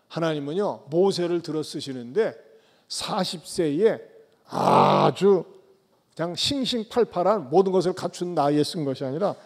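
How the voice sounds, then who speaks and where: A man preaching a sermon as pastor, tossing rhetorical questions at the congregation and swinging between loud calls and soft low asides. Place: church sanctuary. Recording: long church hall reverb.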